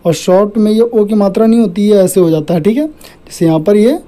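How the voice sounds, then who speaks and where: A woman with a mid-range, warm voice speaks briskly in a low-quality recording while teaching Hindi shorthand from a screen. Word by word she checks each point with the class, following every one with "theek hai," steady and patient in her method.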